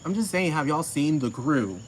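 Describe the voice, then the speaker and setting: A man's voice: a little high, expressive, normal speed, slight background noise, rough recording. A man ranting to camera in a casual, profane, heated way, repeating himself.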